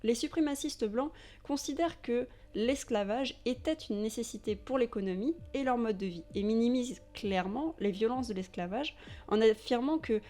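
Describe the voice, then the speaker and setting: A French woman giving scripted documentary narration in a measured, emphatic voice, with pointed asides to the viewer. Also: fairly high pitch, warm tone. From France. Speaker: narrator of a video essay.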